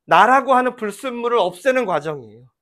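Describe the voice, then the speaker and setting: A man's voice: very high-pitched, brisk. A middle-aged man preaching a sermon as pastor, telling the story vividly and leading the congregation in repeating lines. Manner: lively storytelling, acting out voices in quotes; leads congregation in call-and-response reading.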